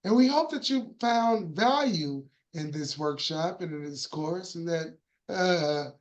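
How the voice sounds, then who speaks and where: A woman's voice: fairly low pitch, lively intonation, slow. A woman hosting in a casual, slangy, folksy and jocular way. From Texas. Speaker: workshop host. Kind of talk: casual chat.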